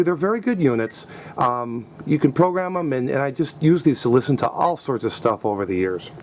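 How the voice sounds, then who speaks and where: An American scanner hobbyist, a middle-aged man with a mid-range, darkish voice, shows off his collection in a casual, conversational demonstration, explaining as he goes. Noticeable background noise runs under the recording.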